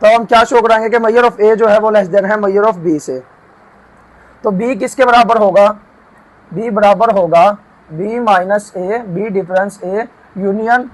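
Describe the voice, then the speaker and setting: A man teaching math, walking through a proof and slowing down to dictate each formula term by term. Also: sits high, poor audio. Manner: often checks in with "theek hai". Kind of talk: lecture explaining a proof.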